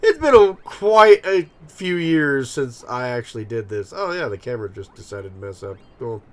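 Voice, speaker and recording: Rambling thirties man with lively pitch. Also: normal speed. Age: 30s. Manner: rambling, filler-heavy, laughs at himself. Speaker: gaming channel host. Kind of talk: casual let's-play commentary.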